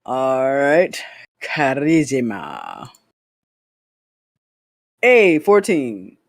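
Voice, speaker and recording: A man's voice: medium pitch, huge pitch swings, extremely slow, gravelly, no echo, studio quality. A man playing a tabletop game, chatting casually and playfully and repeating his phrases as a running joke. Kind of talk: casual joking game chat.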